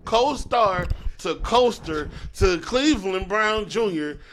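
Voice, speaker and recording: A man's voice: high-pitched, expressive, slow pace, fairly bright tone, a little hiss or hum. A man co-hosting a podcast, teasing and slangy in casual banter, laughing often. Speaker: podcast co-host.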